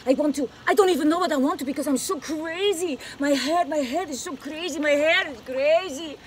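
A crazed, overwrought telenovela diva, as a woman puts her on gushes in a thick put-on Spanish accent. She sounds breathless and melodramatic, her voice swinging between highs and lows. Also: brisk, a little hiss or hum, lightly acted.

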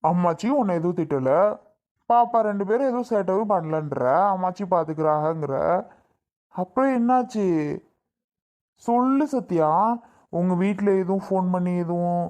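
A woman's voice: on the low side, lively intonation, moderate pace, pauses often, mellow, close to an everyday voice. A woman playing an insistent, pleading young husband. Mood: impatient. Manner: pleading, repeats himself insistently. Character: eager young husband, anxious then overjoyed. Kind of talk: Tamil family skit acting.

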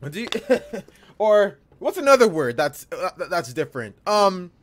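A man streaming a live playthrough, chatting excitedly with plenty of slang and swearing. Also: high-pitched, unhurried, a little hiss or hum. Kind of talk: live gameplay commentary.

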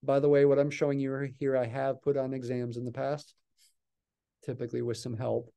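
A man's voice: medium pitch, completely flat delivery, fairly quick, mellow. An older man giving a recorded calculus lecture, talking patiently and thinking aloud as he writes at a desk in a small office. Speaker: math lecturer.

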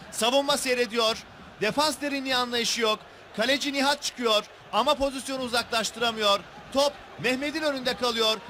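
High-pitched, excited male football commentator. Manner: excited, emphatic, raised voice. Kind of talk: match highlights commentary. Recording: noisy 1990s TV sports broadcast audio.

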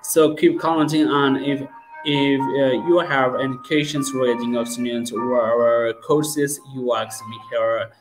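A young man hosts a live interview on a video call, talking in halting bursts full of "uh" fillers as he asks questions and pleads with viewers to share. His voice sits at an ordinary middle pitch, and clear music plays behind him. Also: fairly even intonation, rough recording. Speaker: host and teacher. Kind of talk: live-streamed English practice interview. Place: home room with starry painted wall. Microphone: webcam on video call.

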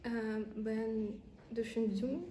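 A soft-toned, mellow woman. She answers casually in broken, hesitant learner's Turkish, with room echo and faint noise around her. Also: on the high side, steady tone, takes it slowly. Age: 20s. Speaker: language learner being interviewed.

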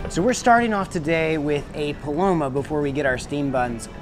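A man's voice: a little high, normal speed. A man in his thirties hosting a casual food vlog, chatty and enthusiastic as he describes dishes and restaurants. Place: restaurant patios and city streets. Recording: music playing behind.

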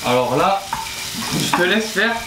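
A man's voice: high voice, animated, unhurried, very noisy. A playful man in his twenties chatting and joking while cooking as co-host, often repeating short phrases. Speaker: co-host of a home cooking video. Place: small tiled home kitchen, indoors. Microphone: camera at about arm's length or further. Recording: echoey kitchen, music and frying behind.

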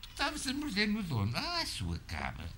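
A man's voice: sits high, wildly swooping pitch, normal speed, pushed and bright, a little hiss or hum. A man talking casually at home, doting and cooing in baby talk. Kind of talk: casual home video chat.

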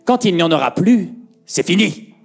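A man's voice: high-pitched, expressive, moderate pace, vocal fry, breathy edge, voice pushed up, heavily acted. A man voicing a wicked, scheming old witch who whispers her lies in a sly, sneering tone. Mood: gloating.

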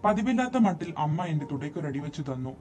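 A man reading a short story aloud as narrator, telling it in an expressive, dramatic way. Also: a little high, fast talker. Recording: dull lo-fi recording, faint music behind.

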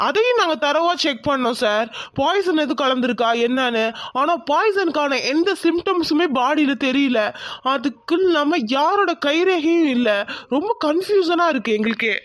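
Here is a puzzled, uneasy male doctor in an animated mystery. He explains things slowly and anxiously. The voice is high and dry. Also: no room sound. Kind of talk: cartoon voice acting.

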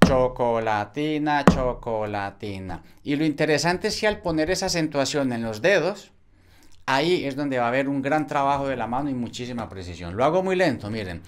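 A man's voice: medium pitch, expressive, a little fast, slight background noise. A man teaching guitar technique, explaining each step patiently and often checking in with "ok?". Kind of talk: instructional explanation. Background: loud guitar playing.

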